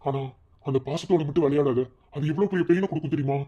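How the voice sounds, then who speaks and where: A man's voice: fairly high pitch, fast, warm tone, breathy edge, muffled recording. An actor playing a husband who angrily scolds his wife, then pleads with her. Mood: pleading. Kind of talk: TV serial dialogue.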